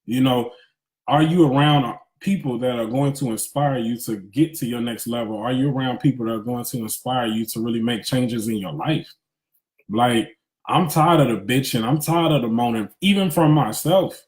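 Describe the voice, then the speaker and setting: A man in his thirties gives a spiritual pep talk at a moderate pace, his medium-pitched voice a little mellow. He speaks as a motivational speaker, casual and emphatic, using candid street-smart slang and repeating phrases to drive points home. The sound is roomy with echo.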